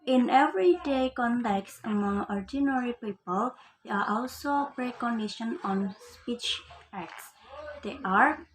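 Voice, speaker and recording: A woman's voice: a little high, lively intonation, slow, a little hiss or hum, low-quality recording. A young female student from Indonesia with an Indonesian accent, giving a class presentation. She reads English definitions and then explains them in casual, chatty terms. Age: young adult.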